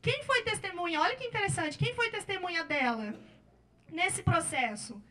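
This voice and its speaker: A Brazilian Portuguese-speaking woman, a public defender, giving a workshop lecture with slides and telling cases in a lively way, often ending with "né?". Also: very high voice, normal speed. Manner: lively storytelling with frequent "né?" tag questions.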